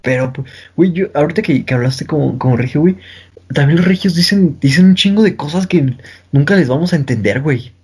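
A young podcast co-host from Mexico City chats casually in slangy, joking Mexico City Spanish, even imitating northern speech. His voice is fairly high, husky and darkish, with lively intonation and a fairly quick pace.

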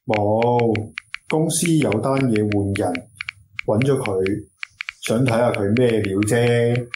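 A man with a fairly low voice speaks slowly in slangy Hong Kong Cantonese, acting a blunt, suspicious office schemer in a radio drama. His character probes bluntly while checking up on shady jobs. The recording has a roomy echo and clearly audible background noise.

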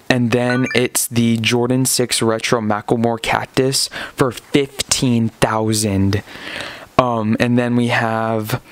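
Casting: male podcast host, casual commentary with read-out items, medium pitch, close dry recording. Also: dry recording. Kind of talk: casual podcast commentary, partly reading from lists and articles.

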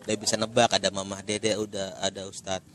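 A man's voice: deep voice, flat delivery, brisk, fairly bright tone. A man with a Jakarta accent hosting a casual podcast chat in informal, joking Jakarta slang. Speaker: podcast host. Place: coffee shop.

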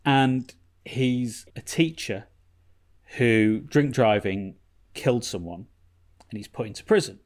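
A man's voice: medium pitch, takes it slowly, pauses often. A British man chatting casually on a podcast, wry and sweary as he tells anecdotes. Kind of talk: casual chat.

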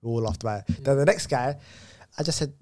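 A young man with a London roadman accent spins stories in casual chat. He talks very fast in street slang, with a middling male pitch. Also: darkish tone. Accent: London, urban multicultural street slang. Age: young adult. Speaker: conversation participant. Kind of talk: casual chat, anecdotal storytelling among friends.

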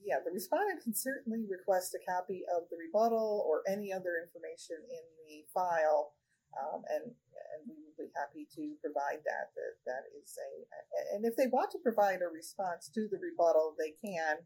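Woman, husky, lower-pitched, measured, official guest on a podcast. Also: a little mellow, low-quality recording. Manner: measured, many fillers and restarts. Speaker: regional director of a state human rights agency, podcast guest. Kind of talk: conversational interview answers.

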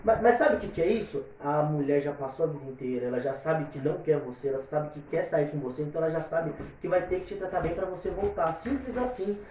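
A man's voice: on the high side, quick pace, few pauses, a little mellow, a little hiss or hum. Rambling opinionated man in an echoey room. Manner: opinionated, rambling, repeats fillers. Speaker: guest singer. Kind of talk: casual podcast chat. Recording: very echoey room, distant mic.

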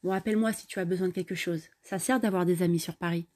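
A woman's voice: lowish voice, fairly even intonation, quick pace, darkish tone, close to an everyday voice. A woman voicing a young man who is a pushy but friendly clubgoer, speaking casually and insistently.

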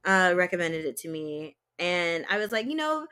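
A woman's voice: on the low side, normal speed, bright, forceful tone, clear, resonant tone. A woman from Georgia co-hosting a podcast, chatting casually and animatedly about TV shows and books, often laughing. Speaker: podcast co-host. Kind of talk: casual chat.

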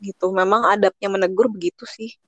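A woman co-hosting a podcast in a casual chat, talking in a blunt, slangy, animated way. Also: mid-range voice, fast, dry recording. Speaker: podcast co-host.

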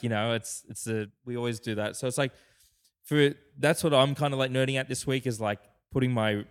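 A young adult man co-hosting a podcast, talking casually with many restarts and fillers. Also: fairly low pitch. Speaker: podcast co-host. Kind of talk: casual chat.

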